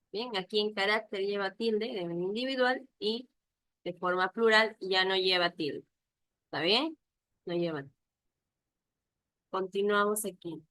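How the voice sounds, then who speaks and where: A woman's voice: mid-range voice, a bit bright, no room sound, rough recording. A woman teaching an online class, patiently repeating examples and checking whether her students follow.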